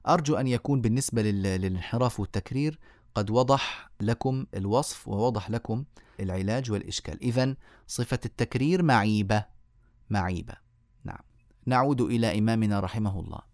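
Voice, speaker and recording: A Quran recitation teacher gives an online tajweed lecture, explaining pronunciation rules step by step, repeating key words and sounding out the letters aloud. His voice is fairly low and darkish, he speaks fast, and the studio-quality recording has no echo.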